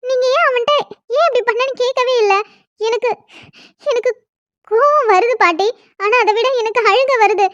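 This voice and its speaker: A woman voicing a furious young woman in a cartoon who scolds and complains with shrill indignation. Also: normal speed, long pauses, fairly bright tone, no room sound, lo-fi sound. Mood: indignant. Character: young woman, furious, newly forced into marriage. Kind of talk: cartoon dialogue.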